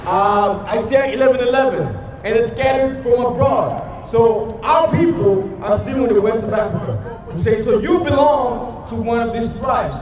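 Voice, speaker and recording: A man preaching on a city street, loud and emphatic, quizzing passers-by with questions. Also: very high voice, expressive, normal speed, a little hiss or hum. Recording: distant, echoey street recording with music.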